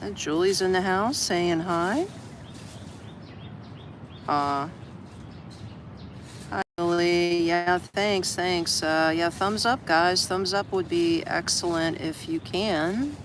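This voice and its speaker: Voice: mid-range voice, takes it slowly, pauses often, fairly bright tone. An older American from Florida chatting casually on a live stream, rambling and reading out viewer comments. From USA (Orlando, Florida). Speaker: livestream vlogger. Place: open shed in a city park, outdoors. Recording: outdoor street traffic noise. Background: street traffic.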